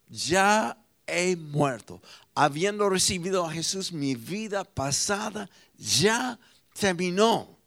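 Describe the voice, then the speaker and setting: A man preaching a sermon, swinging dramatically between loud proclamations and hushed, near-whispered lines. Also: high voice. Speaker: pastor.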